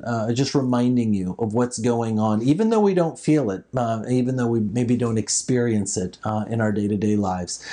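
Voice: mid-range voice, warm tone. A preacher delivering a sermon with scripture readings, explaining ideas and often rephrasing them.

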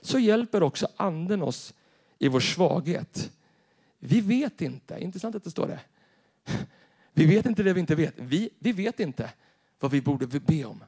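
Male pastor, lively sermon storyteller who plays out the scenes, slightly higher voice. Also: slightly rough. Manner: animated storytelling, acting out characters. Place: church.

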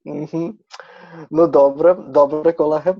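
A man's voice: on the high side, fairly even intonation, slow pace, no room sound, lo-fi sound. Playful young man hosting a podcast. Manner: playful, teasing, mixes in Russian words. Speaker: podcast host. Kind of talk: casual podcast chat.

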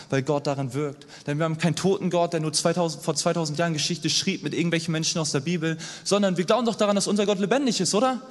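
A young man delivers a sermon in a casual, lively way, often turning to his listeners with a quick question. His voice sits fairly high. A long reverb from the hall trails each phrase. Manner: lively, conversational, asks the audience "oder?" often. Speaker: preacher.

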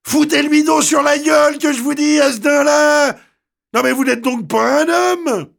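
A man voicing a brash, hoarse working-class young woman who shouts coarse insults. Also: very high-pitched, unhurried, pitched above the performer's own voice, full character voice. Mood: indignant. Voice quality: hoarse, coarse street speech.

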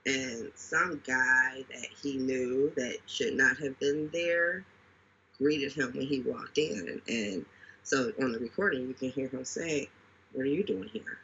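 A man talking casually with a very husky, bright voice. He retells things dramatically and leans on repetition. The recording sounds dull and lo-fi. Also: medium pitch, slow. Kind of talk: casual conversation. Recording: dull lo-fi audio.

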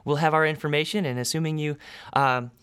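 A man's voice: on the high side, steady tone, a little fast, a bit bright, clean tone, voice pushed up, lightly acted. A man voicing a chirpy, sweet-talking female receptionist in a tabletop game who calls everyone sugar and sweetheart. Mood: reassuring. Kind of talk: tabletop role-play.

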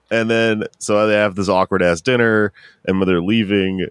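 Very deep-voiced laid-back man. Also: clean tone, dry recording, clean studio sound. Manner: laid-back, swears, lots of fillers and laughter. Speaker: podcast co-host. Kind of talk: casual chat recapping a cartoon episode.

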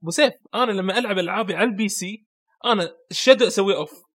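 A man co-hosting a casual gaming podcast, animated and explaining with quick examples. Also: high voice, dry recording, clean studio sound. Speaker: podcast co-host.

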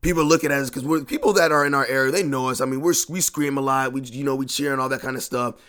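Brief: male podcast host venting, agitated and profane, loops the same phrases, mid-pitched, home podcast room. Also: fast, a bit bright. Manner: agitated, repeats himself, swears freely. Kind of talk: ranting sports talk.

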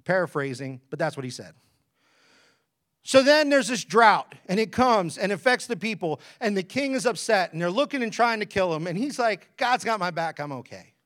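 A man delivers a sermon as animated storytelling, with a high voice for a man that swings widely in pitch. He keeps breaking off for jokey asides to the congregation. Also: moderate pace. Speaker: preacher. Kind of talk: lively conversational sermon.

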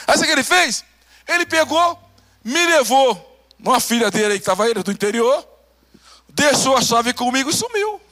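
A male pastor with a Brazilian Portuguese accent preaching a testimony sermon, acting out conversations and swinging between loud bursts and hushed lines. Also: extremely high pitch, big pitch swings, measured pace, pauses often.

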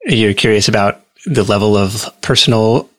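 A man speaking as a guest in a casual interview, telling his story in a relaxed, rambling way with plenty of fillers. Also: lowish voice, moderate pace, no room sound, clean studio sound.

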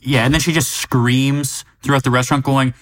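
A man co-hosting a podcast, casually recapping movie scenes in a relaxed way with frequent fillers. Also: mid-range voice, moderate pace. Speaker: podcast co-host. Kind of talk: casual chat about a movie.

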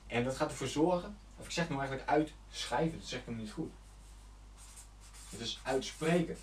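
A man's voice: mid-range voice, moderate pace, echoey room, far from the mic, slight background noise. A man coaching his viewers on setting goals, speaking earnestly and loosely, with fillers and self-corrections. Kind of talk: motivational talk to camera.

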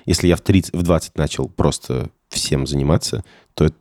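Deep-voiced man in his thirties, quick questions. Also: darkish tone, no echo, clean studio sound. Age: 30s. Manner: questioning, working things through.

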